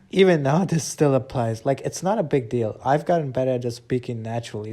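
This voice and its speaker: A man's voice: medium pitch, warm tone. A man with a non-American accent ranting bluntly and profanely while reacting to his own old videos. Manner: profane, blunt ranting with filler "all right?". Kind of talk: casual ranting commentary.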